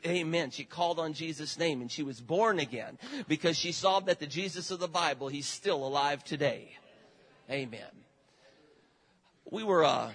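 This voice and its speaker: Preacher guy, husky-ish and kinda high, rambly folksy sermon, lots of amens. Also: fairly bright tone, low-quality recording. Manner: folksy storytelling with frequent fillers and amens. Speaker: traveling evangelist. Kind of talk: sermon testimony.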